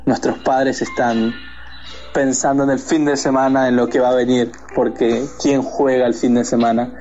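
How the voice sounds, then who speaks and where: A man's voice: mid-range voice, little pitch movement, normal speed, warm tone. Man, Argentine accent, interview guest, hesitant, many fillers, muffled sound, faint background music. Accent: Argentine Spanish. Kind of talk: casual interview talk.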